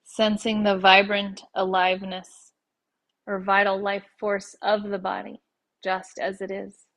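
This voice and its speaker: A woman guides a yoga nidra meditation gently and soothingly, at a measured pace with long pauses between short phrases. Her voice is medium-pitched and gravelly, with little pitch movement.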